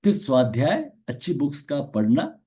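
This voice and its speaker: A man's voice: mid-range voice, muffled recording. A man teaching a yoga lesson, often checking in with his listeners and mixing in English terms. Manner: slow, lively teaching with frequent "है ना?" checks; mixes English terms into Hindi.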